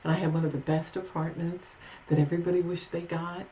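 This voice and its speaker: A woman's voice: on the low side, flat delivery, a little fast, warm tone, slight background noise, poor audio. A woman telling a paranormal story in a casual, rambling vlog with many restarts and asides. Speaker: paranormal vlogger.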